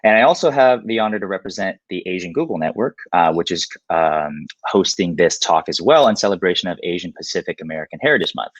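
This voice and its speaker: A man with a very low voice hosts an interview over a video call, polite and a little halting, with many "um"s. The audio is dry and slightly dull. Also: lively intonation, dry recording. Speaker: interview host. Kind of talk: hosting an interview.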